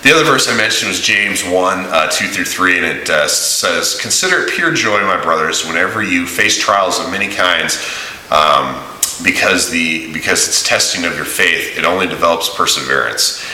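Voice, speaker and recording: A man giving a casual, rambling video diary in a halting, informal way, recorded in a big echoey room. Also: deep voice, pushed and bright. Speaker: vlogger and volunteer preacher on a mission trip. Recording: echoey room, big echo, audible hiss.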